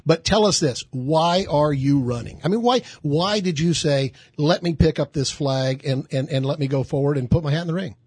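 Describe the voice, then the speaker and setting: A man's voice: fairly high pitch, a little fast, few pauses, darkish tone, slightly rough, no room sound. A man hosting a studio talk show, delivering punchy, emphatic commentary and interviewing a guest.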